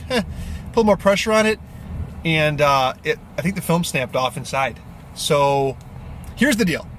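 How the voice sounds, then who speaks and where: A man's voice: on the high side, fairly bright tone, a little hiss or hum. Casual man vlogging from inside a car. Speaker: film photography vlogger. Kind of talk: casual chat to camera. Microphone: camera mic at arm's length.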